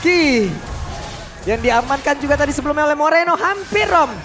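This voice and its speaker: A man with an Indonesian accent doing excited esports play-by-play like a fighting game announcer, shouting and stretching out key words. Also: very high voice, normal speed, soft background music. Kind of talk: excited match commentary.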